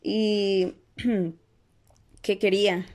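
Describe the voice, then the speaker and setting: A woman's voice: mid-range voice, normal speed, darkish tone, close to an everyday voice. A woman voicing a tactless, teasing teenage boy in a dramatized audiobook reading, blunt and mocking.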